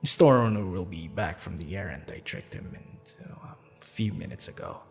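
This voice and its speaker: Low-pitched and warm, with an apologetic mood, a man plays a smitten, slightly sheepish assassin who is courteous and flirtatious in an intimate ASMR roleplay. He talks softly and formally with hesitant pauses, over background music and long reverb.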